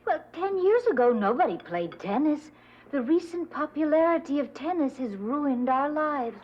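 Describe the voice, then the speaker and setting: An actress playing a flighty, self-absorbed wealthy wife with an airy, theatrical manner. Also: female voice, high voice, animated, normal speed, lo-fi sound. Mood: dramatic. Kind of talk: 1970s sitcom acting.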